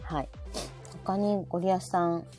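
Hosting a live audio show over soft background music, this woman speaks Japanese with a Kansai accent, chatting casually, posing questions and reacting frequently. Her voice is lowish and steady in tone, at a normal speed.

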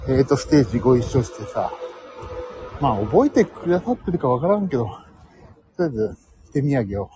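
A man hosting a casual live stream on his phone as he walks home, talking quietly and a little out of breath. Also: medium pitch, sing-song, brisk, pauses often, slight background noise, poor audio. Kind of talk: casual live-stream chat while walking. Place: outdoors, walking home from the station. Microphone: phone mic.

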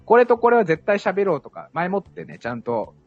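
Husky lively Kansai man. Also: sits high, brisk. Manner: lively, laughing, storytelling with dialect. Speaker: guest liqueur maker. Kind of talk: casual live chat. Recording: dull lo-fi live stream with faint music.

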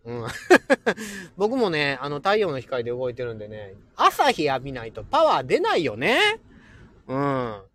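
A man's voice: medium pitch, wildly swooping pitch, normal speed, a bit bright. A man hosting a casual solo livestream, chatting playfully with listeners and laughing often. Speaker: livestream host.

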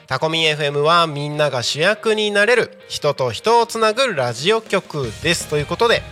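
A man in his thirties hosting a live community radio show from a small studio, with an upbeat announcer delivery that slips into relaxed, chatty asides. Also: a little high, a little fast, soft background music. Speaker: radio host.

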